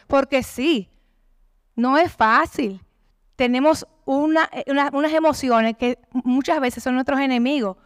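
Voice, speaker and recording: A woman's voice: high voice, no echo, clean studio sound. A middle-aged woman, giving an impassioned church testimony and acting out the prayers she quotes. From Dominican Republic. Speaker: conference speaker giving testimony.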